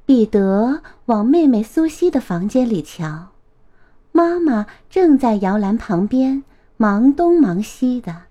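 A woman in her thirties reads a picture book aloud to young children, tender and lively. Her fairly high voice moves slowly and swings widely up and down. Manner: lively, sing-song, tender. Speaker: storyteller, children's story channel host.

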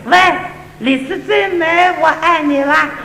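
A man voicing a middle-aged woman with a Cantonese accent, speaking in slow, drawn-out words. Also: very high voice, pitched above the performer's own voice. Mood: earnest. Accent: Cantonese-accented Mandarin. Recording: reverberant hall, faint hiss.

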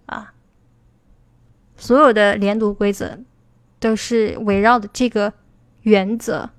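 A woman teaching English pronunciation in a livestream. She explains step by step, checks in with her listeners and slows down to model English words. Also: medium pitch, steady tone, clean tone, no echo. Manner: explanatory, asks "对吧" to check understanding. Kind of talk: livestream lesson.

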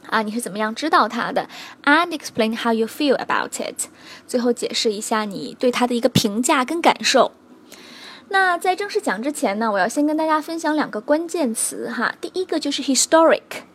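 A young adult woman teaching English vocabulary in Mandarin, mixing in English examples and patiently checking in with her students. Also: fairly high pitch. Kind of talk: recorded language lesson.

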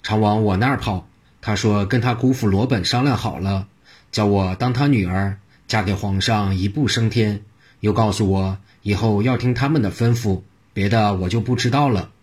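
A man's voice: on the low side, normal speed, a little mellow, husky. A man voicing a cheeky brothel woman posing as an imperial concubine in a told story. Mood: sassy. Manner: sassy and cheeky.

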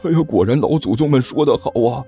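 A man voicing a tired, put-upon male master who talks slowly and sighs in an audiobook. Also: darkish tone, soft background music, natural voice. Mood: rueful. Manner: slow, sighing, low-key. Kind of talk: audiobook character voice.

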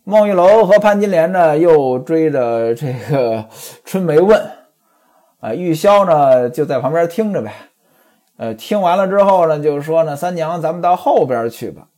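A man retells a classic novel and comments on it in a chatty way. He keeps speaking straight to his listeners. His voice sits slightly high and swings widely up and down. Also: animated, a little slow, mellow. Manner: chatty, addresses listeners directly. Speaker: storyteller and commentator.

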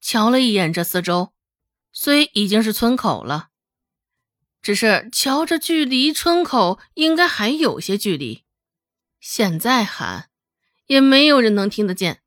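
A woman narrating a serialized novel in an expressive, dramatic storytelling manner. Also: fairly high pitch, a little slow, no room sound, studio quality. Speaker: audiobook narrator.

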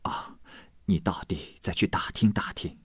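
A man's voice: low-pitched, fairly even intonation, a little slow, a bit bright, breathy edge, dry recording, whispered, full character voice. A man reading aloud voices a stern, impatient noble matriarch who scolds sharply.

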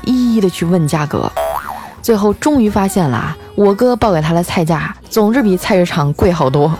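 Wry, chatty woman storyteller. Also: lowish voice. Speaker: storyteller host. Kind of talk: comic storytelling monologue.

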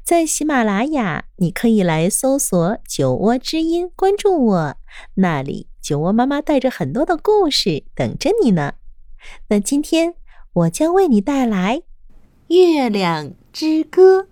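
A woman telling a bedtime story to children in a gentle, soothing, motherly way. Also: on the high side, very animated, a little slow, dry recording, studio quality.

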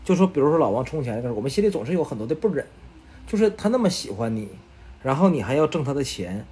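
A man's voice: medium pitch, sing-song, quick pace, mellow, a little hiss or hum. A man, a bookstore co-owner speaking earnestly and reflectively in casual chat.

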